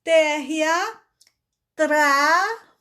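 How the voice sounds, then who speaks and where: A woman's voice: sits high, extremely slow, bright, forceful tone. A woman teaching adults to read, patiently drawing out syllables one at a time in a phonics lesson.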